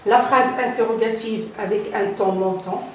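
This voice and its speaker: An older woman, a French teacher, giving a slow grammar lesson and repeating key terms deliberately. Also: medium pitch, fairly even intonation, a little hiss or hum. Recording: echoey room, voice from a distance.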